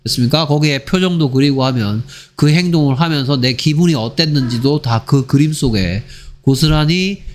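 A man giving an exam-prep English lecture, firing off quick rhetorical questions and switching between Korean explanation and read-aloud English sentences. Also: on the high side. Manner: drills with rapid rhetorical questions. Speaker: English teacher.

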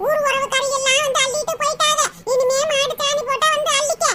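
A woman doing a snappy squeaky village woman. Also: flat delivery, fast. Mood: scolding. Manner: snappy, scolding. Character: irritable busy older village woman milking a cow. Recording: loud background noise.

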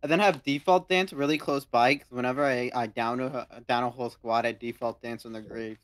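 A man's voice: mid-range voice, steady tone, brisk, no room sound. A man joining a group voice chat, joking around in a mock-boastful way. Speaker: guest streamer in a voice chat. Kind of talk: casual gaming chat.

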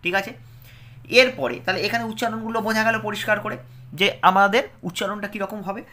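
A man with a bright, forceful voice runs a patient pronunciation lesson. He drills syllable after syllable and keeps asking whether his students are following. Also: sits high, fairly even intonation, fast. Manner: patient, drilling syllables with frequent check-ins. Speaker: teacher.

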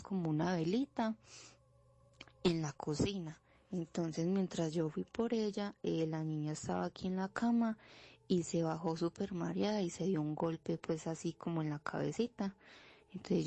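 A woman's voice: lowish voice, gravelly, mellow, no echo. A woman telling a personal paranormal story in a casual way, with many "pues" fillers. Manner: plain storytelling, fills with "pues".

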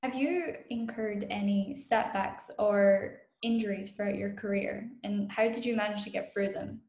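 A woman's voice: medium pitch, moderate pace, darkish tone. Woman interviewer in an echoey room. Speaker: interviewer, host. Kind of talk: interview questions. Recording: echoey room with faint noise.

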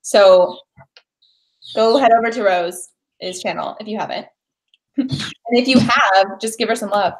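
A woman's voice: medium pitch, measured pace, long pauses, rough recording. A woman in her twenties chatting casually on a home livestream over a webcam, bubbly and full of fillers. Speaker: livestream host. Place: living room at home, indoors. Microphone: webcam at desk distance.

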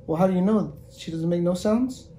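A man's voice: high voice, fairly quick, mellow, a little hiss or hum, lightly acted. A man in his thirties playing a casual, colloquial young father in an amateur family fantasy skit. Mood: curious, puzzled. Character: young dad humoring then panicking over his daughter.

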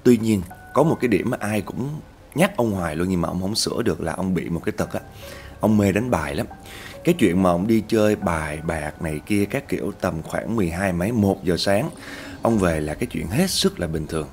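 In spoken ghost story narration, a male host chats directly with his audience, whom he addresses as "các bạn," and his pitch rises at tense moments. His voice is a little mellow, with a little hiss or hum in the recording.

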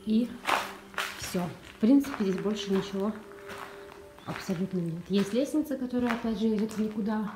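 A woman giving casual walking commentary as she explores an abandoned building, often dropping her voice to a hush. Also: mid-range voice, moderate pace, long pauses. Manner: chatty, half-hushed, often drops to a whisper. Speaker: urban explorer vlogger. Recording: echoey empty rooms with music. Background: background music.

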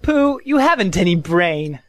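A woman playing a bossy, self-important, scheming rabbit in a children's audio drama, lecturing briskly and impatiently. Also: on the low side, very animated.

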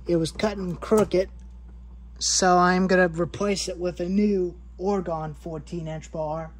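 With a husky voice on the low side, a chainsaw hobbyist vlogger in her twenties speaks a little slowly and fairly evenly. She rambles about saw parts in a cluttered garage workshop, listing items and repeating herself.

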